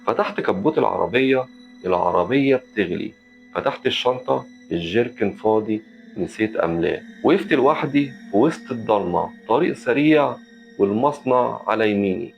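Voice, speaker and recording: An Egyptian man with a gravelly, creaky voice tells a horror story in tense, clipped phrases. The recording sounds dull and lo-fi, with faint music underneath. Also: lowish voice, animated, fairly quick. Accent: Egyptian Arabic. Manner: suspenseful, short dramatic phrases. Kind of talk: first-person horror narration.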